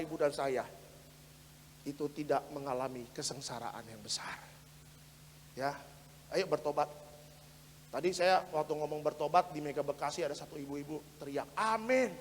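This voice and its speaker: A man preaching a sermon as pastor, fervent and direct with his congregation, switching between loud exhortation and quiet asides. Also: on the high side. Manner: repeats phrases and addresses the congregation directly. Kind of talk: sermon for an online Sunday service. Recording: long hall reverb.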